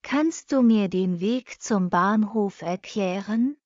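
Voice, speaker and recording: A woman reading short practice sentences for a language lesson, saying each one twice, slowly and evenly. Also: mid-range voice, no echo. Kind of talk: slow repeated phrase reading for learners. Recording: dull lo-fi dry recording.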